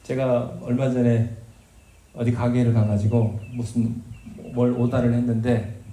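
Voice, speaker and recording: A man's voice: medium pitch, warm tone. A man preaching a sermon as pastor, telling stories in a conversational way with self-deprecating humor. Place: church sanctuary. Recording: roomy church sound with faint background noise.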